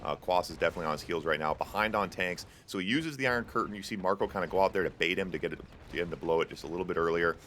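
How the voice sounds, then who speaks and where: A young man's low, somewhat bright voice races through live commentary on a strategy game, with few pauses. As host and caster of the tournament stream, he stays casual and chatty, using plenty of fillers and joking with chat. There's a little hiss or hum.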